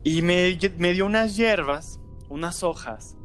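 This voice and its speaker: A man with a Mexican accent tells a story in relaxed, slangy speech, leaning on fillers and tag questions. His delivery is animated and conversational, and faint music plays behind him. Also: high-pitched, slow. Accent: Mexican Spanish. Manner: animated, colloquial, filler-heavy with frequent "este" and "¿no?". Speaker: storyteller guest. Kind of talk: casual spoken storytelling.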